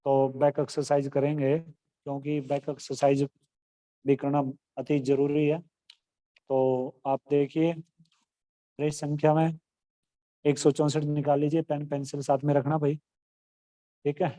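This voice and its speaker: A man's voice: on the high side, little pitch movement, a little slow, pauses often, warm tone. A man teaching a Hindi grammar lesson online, explaining terms and acting out example exclamations with feeling.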